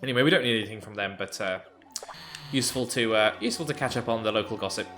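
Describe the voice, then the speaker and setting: A man's voice: on the low side, very fast, sharp tone, faint music behind. A man giving casual, amused commentary over a video game playthrough, with frequent ums and uhs. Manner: chatty, amused, hesitant with many ums. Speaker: let's play commentator.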